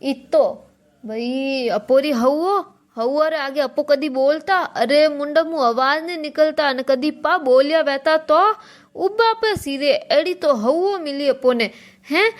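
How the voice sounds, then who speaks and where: Cartoon Marwari mother-in-law, played by a woman, high-pitched, gossiping and griping about her daughter-in-law. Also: a little slow. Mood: gossipy. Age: older. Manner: gossipy, complaining. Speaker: cartoon character. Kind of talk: cartoon comedy dialogue.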